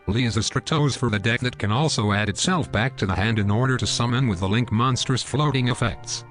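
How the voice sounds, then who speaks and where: A man's voice: fairly low pitch, a bit bright. A male text-to-speech robot voice steadily reading out a scripted explanation of a card game deck.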